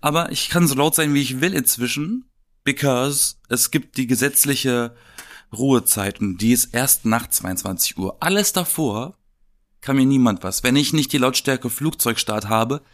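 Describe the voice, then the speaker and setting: A man's voice: mid-range voice, normal speed, a bit bright. A man co-hosting a podcast, telling a story casually and animatedly, swearing now and then. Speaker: podcast co-host.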